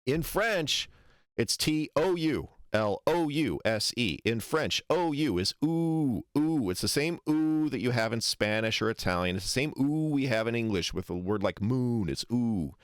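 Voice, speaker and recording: An American man streaming casual commentary, rambling and animated as he exaggerates foreign vowel sounds to make his point. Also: mid-range voice, moderate pace, no room sound, clean studio sound. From United States. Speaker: streamer reacting to a lecture.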